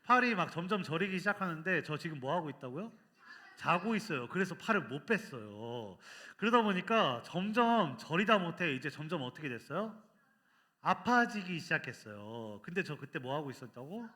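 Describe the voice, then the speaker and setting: A man preaching at a children's worship service, telling a funny story with lively energy and quizzing the kids with questions as he goes. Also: on the high side, moderate pace.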